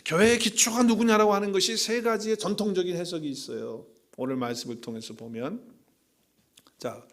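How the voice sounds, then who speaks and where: Lively man preaching a sermon. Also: fairly high pitch. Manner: asks the congregation rhetorical questions; animated, swings between loud and soft. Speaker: pastor.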